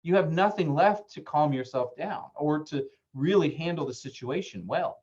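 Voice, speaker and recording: Male therapist, conversational presenter, a bit high-pitched, filler-heavy, muffled webinar sound. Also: normal speed, darkish tone. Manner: conversational, acts out quoted voices, frequent fillers. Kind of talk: casual talk-style presentation.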